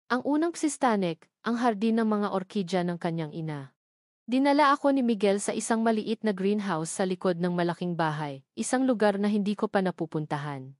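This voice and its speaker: In a dramatic audio-story style, a woman with a mid-pitched voice narrates a scripted love story in the first person. The sound is dry, with no room echo.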